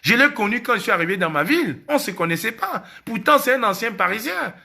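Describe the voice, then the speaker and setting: A Cameroonian man with a Cameroonian French accent speaks in a high, sharp and gravelly voice. He hosts a casual live stream and drives each point home by repeating it. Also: very animated, fast talker. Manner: emphatic, repeats key phrases.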